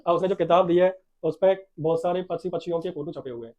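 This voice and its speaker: A young male teacher with a high, mellow voice. He reads English lines slowly and loudly, then explains them in quicker, softer chat, now and then acting out the characters. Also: highs cut off. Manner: acts out the story's characters in small bits. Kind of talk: Hindi lesson explaining an English story.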